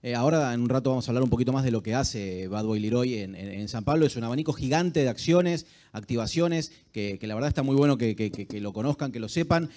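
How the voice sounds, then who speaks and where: Argentine man moderating, mellow voice. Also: medium pitch, expressive, fast talker, few pauses. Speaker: panel moderator. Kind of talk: hosting a live conference panel. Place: large auditorium stage, indoors. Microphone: handheld microphone.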